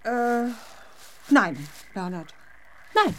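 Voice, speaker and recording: A woman's voice: on the high side, lively intonation, very slow. A woman playing a smug, unyielding witch mother in an audio drama, coaxing and pointed in her delivery. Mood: coaxing, firm.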